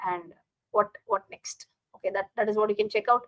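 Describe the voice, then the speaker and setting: A woman's voice: mid-range voice, sing-song, a little fast, dry recording. A woman with an Indian accent hosting a casual live stream as a teacher, speaking directly to viewers and often repeating her phrases.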